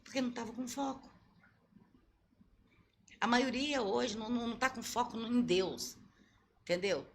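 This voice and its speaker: A woman's voice: fairly high pitch, moderate pace, long pauses, a little hiss or hum. A woman pastor giving earnest, teaching answers in an interview, often repeating her key points. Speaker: pastor, guest. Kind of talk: sermon-like answers in a podcast interview.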